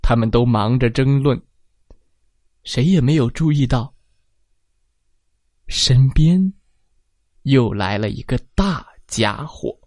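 A storyteller reading a children's story aloud, slow and expressive, adding sound effects. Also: medium pitch, dry recording, clean studio sound.

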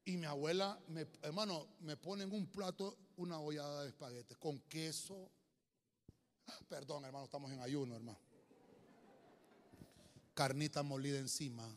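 A man's voice: fairly high pitch, moderate pace, long pauses. Man preaching in a reverberant hall. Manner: storytelling with humor, swings from loud to hushed. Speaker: pastor. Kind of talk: sermon. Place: church hall.

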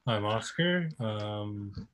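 A man in his twenties co-hosting a podcast, relaxed, wry and blunt in casual chat. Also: fairly low pitch, drawn-out words, heavy background noise. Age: 20s. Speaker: podcast co-host.

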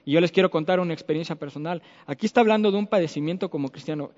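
A man with a Mexican accent giving an earnest sermon with personal testimony, going from loud to soft. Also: on the high side, rapid-fire, big-room sound, lo-fi sound. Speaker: preacher.

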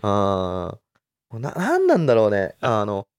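A man co-hosting a relaxed podcast chat, his pitch rising and falling in big lively swings. He talks loosely and laughs often. The sound is dry and close. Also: measured pace, clean tone, no echo. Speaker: podcast co-host. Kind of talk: casual chat.

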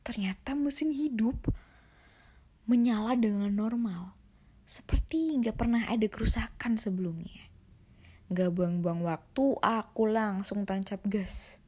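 Woman storyteller, scripted horror narration, hushed and half-whispered, mid-pitched. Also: measured pace, husky.

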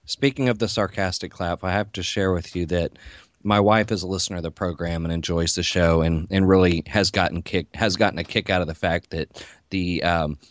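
A man with a fairly low voice co-hosts a podcast, relaxed and chatty. The sound is close and dry. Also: brisk, dry recording. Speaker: podcast co-host. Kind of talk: casual chat.

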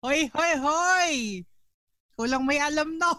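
A woman's voice: sits high, steady tone, slow, bright, forceful tone, no echo, clean studio sound. A woman, a doctor and mother, chatting as a guest and playfully scolding the host. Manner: playfully scolding, laughs often. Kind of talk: casual chat.

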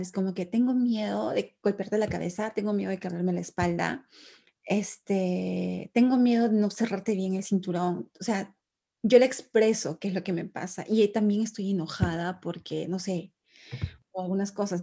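A woman with a dark, slightly husky voice chats about parenting. She tells her stories with energy and acts out her kids' voices and lines along the way. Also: medium pitch. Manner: animated storyteller who acts out her children's lines. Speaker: mother sharing parenting stories. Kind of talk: casual chat.

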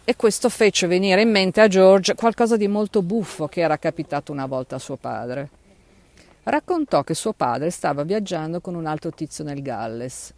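A man narrating an audiobook with expressive, animated storytelling. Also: on the high side, gravelly, no echo.

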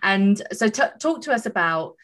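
A woman's voice: mid-range voice, lively intonation, normal speed, a bit bright. A woman hosting a podcast interview, enthusiastic and encouraging, laughing often. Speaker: podcast host. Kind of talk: casual interview chat.

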